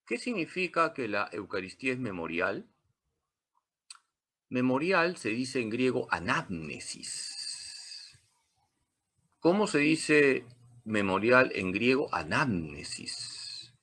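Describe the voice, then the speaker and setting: A man's voice: medium pitch, very animated, slow, pauses often, fairly bright tone. A man, a priest teaching a catechism class, who asks questions and answers them himself with emphatic repetition.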